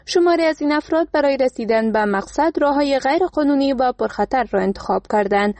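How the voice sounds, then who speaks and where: A woman reporter with an Afghan Dari accent reading a scripted radio news report in a steady, formal delivery. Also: sits high, dry recording.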